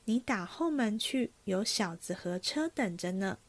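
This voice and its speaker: A woman voicing a calm, sensible senior maid who speaks softly and with measured care. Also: mid-range voice. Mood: gentle.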